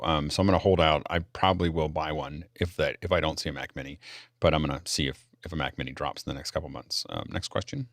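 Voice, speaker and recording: Man, very deep gravelly voice, quick talker, panel host, casual tech chat. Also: no room sound, studio quality.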